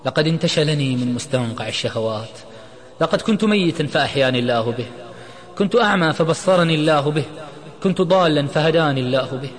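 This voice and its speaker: A man's voice: fairly high pitch, fast talker, voice pushed up, lightly acted. A tearful young man pleads earnestly to turn back and repent in an audio story, voiced by a male narrator. The voice carries a long, echoing reverb. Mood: pleading.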